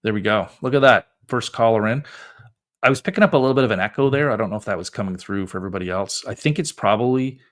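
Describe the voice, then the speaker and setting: Speaking at a quick pace in a fairly low voice, a man from Canada takes calls on his live show, offering legal advice as a lawyer in a relaxed, chatty way. He wears headphones and uses a close mic.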